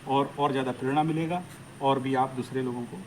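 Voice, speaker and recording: A man's voice: medium pitch, steady tone, fairly quick, a little hiss or hum, rough recording. A man teaching a live workshop audience, speaking emphatically and animatedly and mixing English phrases into his talk. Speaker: astrology teacher.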